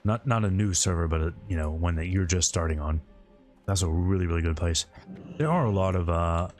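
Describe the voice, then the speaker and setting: A man speaks briskly in a low, slightly mellow voice, with faint music behind him. He's hosting a game livestream, chatting informally and rambling as he answers viewers.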